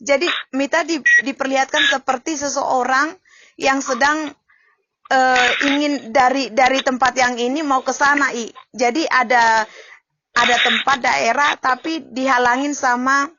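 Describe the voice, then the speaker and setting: A woman's voice: high-pitched, fairly even intonation, a little slow, sharp tone, no room sound. A woman pastor in casual chat who talks emotionally and refers to herself by her own name. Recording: dull lo-fi recording.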